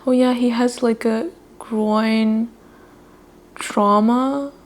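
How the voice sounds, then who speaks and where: A woman's voice: a little high, steady tone, extremely slow. A young woman chatting casually on camera as she reads a romance novel, retelling the characters' lines in a chatty way and laughing often. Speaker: book vlogger. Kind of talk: casual read-along commentary.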